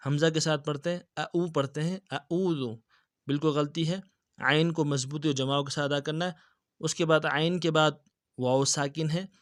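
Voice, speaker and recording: A man teaching tajweed, reciting verses slowly and drawn out, then explaining briskly and repeating words for the learner. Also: on the high side, no echo, studio quality. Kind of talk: tajweed lesson with slow recitation.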